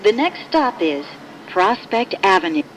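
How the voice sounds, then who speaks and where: A woman's prerecorded train announcement playing over the subway car speakers, with an even automated announcer delivery. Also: medium pitch, a little slow, rough recording. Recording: subway train noise behind.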